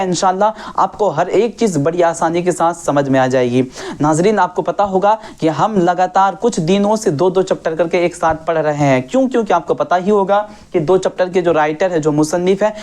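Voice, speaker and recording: An Urdu teacher with a fairly low, slightly mellow voice leads an online class. She repeats key points, asks and answers her own questions, and keeps up set phrases addressed to her viewers.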